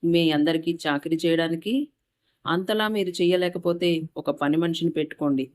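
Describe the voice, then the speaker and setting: A woman's voice: deep voice, steady tone, a little fast, natural voice. A woman voicing a furious bossy young wife. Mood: scolding. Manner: shouting, scolding.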